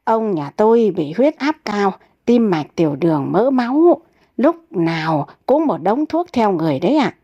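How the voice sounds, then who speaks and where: A woman's voice: mid-range voice, sing-song, normal speed, dark tone, no echo, muffled recording. Woman reading as a nagging old wife. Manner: nagging, insistent scolding. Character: fussing elderly wife, nagging and anxious.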